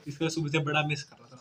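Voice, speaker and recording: A young man with a hoarse voice, chatting casually and tiredly to the camera in a daily vlog. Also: on the high side, fairly bright tone, slight background noise. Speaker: vlogger. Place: outdoors then at home.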